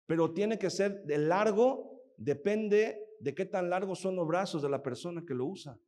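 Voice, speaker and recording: Male pastor, high voice, lively storytelling sermon full of rhetorical questions. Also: moderate pace. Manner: animated storytelling, acts out quoted voices; asks the audience frequent rhetorical questions.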